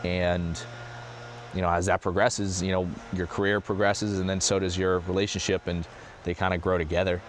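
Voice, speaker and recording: A young man in his twenties answers interview questions in a lowish voice, pausing and restarting as he thinks. He speaks outdoors, with clear background noise behind him. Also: little pitch movement. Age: 20s. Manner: hesitant, halting with fillers.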